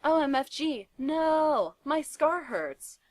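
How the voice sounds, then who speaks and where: A woman voicing a frantic teenage boy vampire wizard, shrill and panicky, in a dramatic fanfiction reading. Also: expressive, a little fast. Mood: panicked.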